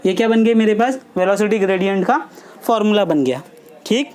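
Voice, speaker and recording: A woman's voice: mid-range voice, a little fast, darkish tone. Woman teaching physics in a questioning style. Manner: asks the class questions and answers them herself; checks understanding with short tags like "theek hai". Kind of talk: classroom lesson at a board.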